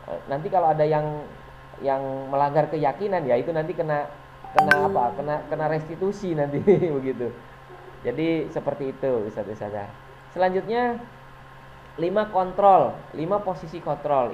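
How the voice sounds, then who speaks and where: A man's voice: fairly high pitch, normal speed. A man teacher giving an informal presentation to fellow teachers, chatty and hesitant, full of fillers and little chuckles. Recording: dull lo-fi recording with faint noise.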